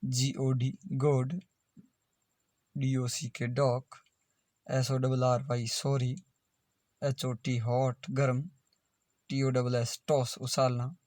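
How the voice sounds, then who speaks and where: A man's voice: medium pitch, monotone, very slow, pauses often, darkish tone, no echo, clean studio sound. A man teaching English pronunciation in a video lesson, spelling words out letter by letter and repeating them.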